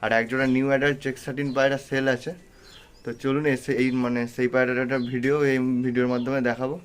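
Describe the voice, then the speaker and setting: In this clip a pet vlogger speaks at medium pitch, quickly and smoothly but with flat delivery, giving matter-of-fact narration while touring his pigeon loft and garden outdoors. Cooing pigeons, chirping birds and general background noise fill the recording.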